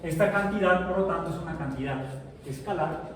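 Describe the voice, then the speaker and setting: A man's voice: fairly high pitch, fairly quick, a bit bright, very echoey. Man, teacher, chatty classroom lecture, asks students questions, distant mic, faint noise. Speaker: science teacher.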